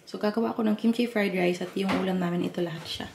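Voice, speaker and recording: A woman's voice: mid-range voice, steady tone, quick pace, creaky, noisy background. A young woman from the Philippines, a mother, chatting casually and teasing herself as she films her weekend at home. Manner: chatty, mixes Tagalog and English, self-teasing. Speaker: vlogger, mother. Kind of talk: casual home vlog chat. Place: home kitchen and rooms.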